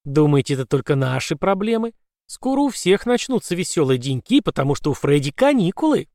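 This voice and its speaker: A man's voice: fairly high pitch, fairly quick, dry recording, clean studio sound. A man doing a sugary possessed mother. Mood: sweet. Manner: sugary, calm, coaxing. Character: sweetly menacing possessed mother, woman.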